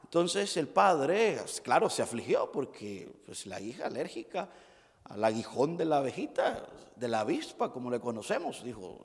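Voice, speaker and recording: A man preaching a sermon as pastor, telling stories with emotion and shifting from loud to hushed. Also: mid-range voice, big pitch swings, moderate pace, in a large hall. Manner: emotive storytelling, swings between loud and hushed.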